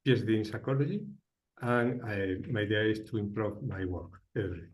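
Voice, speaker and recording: A man from Spain, a university professor, introducing himself briefly and haltingly. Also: on the low side.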